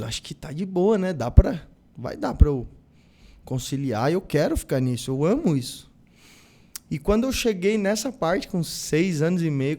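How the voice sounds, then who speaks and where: Man, Brazilian Portuguese accent, young adult, podcast guest, animated storyteller, slightly high voice. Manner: animated, acts out quoted dialogue. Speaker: podcast guest, band musician. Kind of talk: casual storytelling interview.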